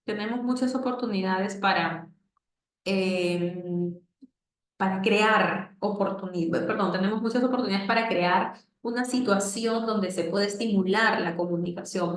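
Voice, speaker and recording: Woman lecturing in a roomy echo. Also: mid-range voice. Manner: explanatory, frequent tag questions, acts out examples with lively exaggerated phrases. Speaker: speech therapy lecturer. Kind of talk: online professional training lecture.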